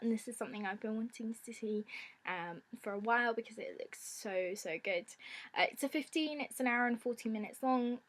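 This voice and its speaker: A woman with a slightly high, croaky voice talks to her viewers as a film vlogger. Her delivery is casual, chatty and informal, as if talking to friends. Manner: informal, giggly. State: croaky from a lingering ailment. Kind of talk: casual chatty presenting to camera.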